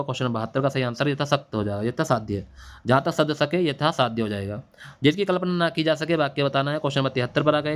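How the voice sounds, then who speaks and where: A male teacher giving an exam-prep Hindi lesson, repeating answers and quizzing students back on them. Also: fairly high pitch. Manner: repetitive, drilling answers with quiz-back questions. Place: classroom or home studio at night. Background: faint hiss of a machine running nearby.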